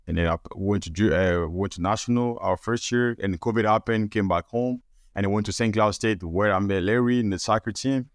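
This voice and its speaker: A man's voice: on the low side, brisk, no echo, clean studio sound. A young man, a guest on a podcast, telling his story in a casual, playful way. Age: young adult.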